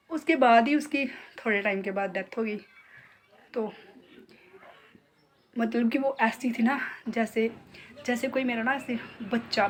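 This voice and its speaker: A middle-aged woman with a Jammu accent, a beauty salon owner chatting casually and heartfelt in her vlog. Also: a little high. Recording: noisy background.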